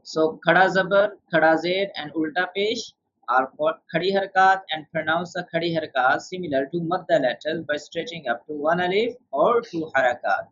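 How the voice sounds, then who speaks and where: A man with a somewhat high voice leads a beginner's tajweed lesson. He explains rules one by one and keeps quizzing his student. The sound is muffled and lo-fi. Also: fairly quick, a bit bright. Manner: patient, quizzes the student with questions. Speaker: Quran tajweed teacher. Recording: dull lo-fi sound.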